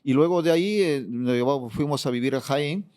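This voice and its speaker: Speaking with a medium-pitched, darkish, resonant voice that comes through clear and a little fast, this middle-aged man from Peru is a politician who once served as regional governor. In a Peruvian Spanish accent, he explains his interview answers at length, peppering them with "fíjate" and "eh."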